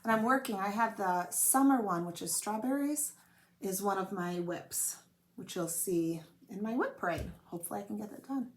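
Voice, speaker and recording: A woman's voice: mid-range voice, animated, moderate pace. A woman hosting a home stitching show, chatting casually and rambling a little while she fights a cold. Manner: chatty, rambling, self-deprecating. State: coughing from a cold. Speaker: flosstube host. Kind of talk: casual show-and-tell chat. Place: home room with blanketed windows.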